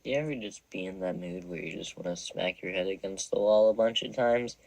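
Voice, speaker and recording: A man's voice: low voice, brisk, gravelly, noisy background. A young man in his twenties giving casual, wry commentary as he ranks songs, rambling and self-deprecating. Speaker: video creator ranking songs.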